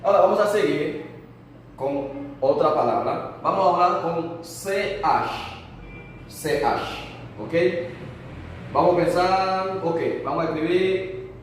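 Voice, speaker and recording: A man with a slightly high voice gives a slow, patient language lesson and repeats each word for the listener to echo. He sounds a good way from the microphone, in a very echoey room with a long reverb tail. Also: recorded from a distance, slight background noise. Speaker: language teacher.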